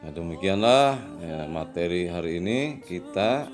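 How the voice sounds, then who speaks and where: A man teaching a children's lesson in a patient, slow manner, often adding "ya" as he explains. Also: low voice, animated, soft background music. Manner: slow and patient, with frequent "ya" tags and louder drawn-out recitation. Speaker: religious studies teacher.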